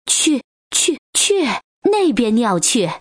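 A woman's voice: on the high side, very animated, takes it slowly, no room sound, clean studio sound, full character voice. A woman voicing a male tyrannosaurus in a children's storybook, a bewildered new father who stammers and sounds flustered. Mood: dismissive.

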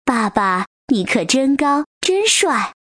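A woman voicing a chirpy group of baby ankylosaurs in a children's storybook, with high, squeaky, childish calls. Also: big pitch swings, slow pace, a bit bright, no echo, studio quality, exaggerated voice. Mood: eager.

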